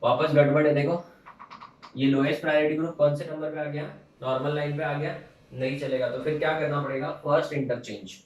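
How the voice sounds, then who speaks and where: A man's voice: fairly high pitch, steady tone, fairly quick, a little mellow, slight background noise. A man teaching a chemistry class in a lecture style, coaxing and playfully teasing his students. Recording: echoey room from a distance.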